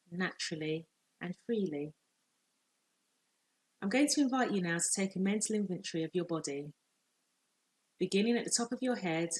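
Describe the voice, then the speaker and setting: Female life coach, low-pitched and slightly breathy, slow soothing guided visualisation delivery. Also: low-quality recording. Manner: slow, soothing, measured instructions with long pauses.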